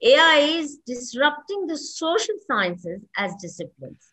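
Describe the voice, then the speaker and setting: A woman with an Indian accent speaks in a fairly high voice. She acts as an interviewer, framing questions for her guest. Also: big pitch swings, a little slow, a bit bright.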